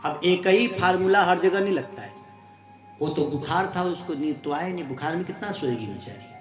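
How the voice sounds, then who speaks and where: Animated male devotional storyteller. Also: high voice, moderate pace. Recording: roomy hall with faint music.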